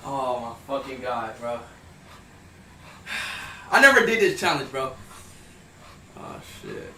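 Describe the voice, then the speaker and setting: A young man streaming live, loud and hyped, then dropping to nervous mutters. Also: medium pitch, big pitch swings, takes it slowly, distant mic. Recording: roomy, off-mic with hum.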